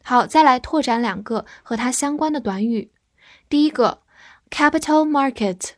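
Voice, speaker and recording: In this studio-quality clip, a high-voiced woman whose first language is Chinese teaches English vocabulary. She patiently spells words letter by letter and leads slow read-alongs, with no echo.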